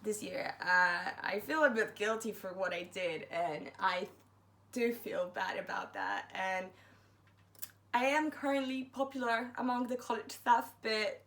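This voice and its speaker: A woman's voice: mid-range voice, a little slow, fairly bright tone. Young woman, chatty storytime vlog, self-mocking, acts out quotes. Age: young adult. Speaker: university student vlogger.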